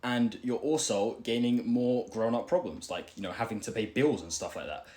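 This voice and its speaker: A man's voice: mid-range voice, normal speed, a little mellow. A young man giving casual self-improvement advice while working out, out of breath, rambling with lots of fillers and "right?" tags. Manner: rambling, filler-heavy, keeps asking "right?".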